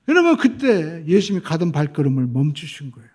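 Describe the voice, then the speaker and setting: High-voiced preaching pastor, dark tone. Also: male voice, big pitch swings, a little fast, breathy edge. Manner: preaching with emphatic swings in pitch and loudness, acting out voices of the crowd. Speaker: senior pastor. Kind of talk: sermon.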